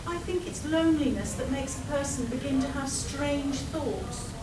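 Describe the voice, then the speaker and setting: A woman's voice: sits high, moderate pace, far from the mic, lightly acted. A woman playing a seductive, unstable half-weasel villainess in a melodramatic comic radio play, recorded live. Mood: lonely, brooding. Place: live performance at a convention, distant mic. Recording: echoey, noisy live hall recording from afar.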